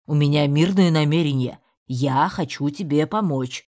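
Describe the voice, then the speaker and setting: A woman's voice: sits low, moderate pace, darkish tone, natural voice. A woman voicing a friendly male rat in an audiobook, speaking in a soothing, reassuring way.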